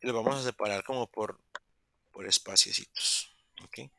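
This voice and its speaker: A man's voice: on the low side, normal speed, vocal fry, noisy background. A man, teaching English in a virtual class and patiently repeating words to model pronunciation. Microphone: video call.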